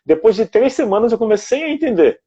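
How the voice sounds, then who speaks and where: A man from Brazil talks as a guest in an easygoing chat, laying out his points one step at a time. His voice sits a bit high for a man yet sounds mellow and soft-edged. The recording is dull and lo-fi. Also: big pitch swings, fast, breathy edge. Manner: reflective, explains step by step. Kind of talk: casual conversation.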